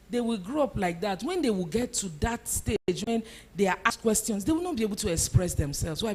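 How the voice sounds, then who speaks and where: A woman speaking at a church conference to a live audience, emphatic and repeating her key phrases. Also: mid-range voice.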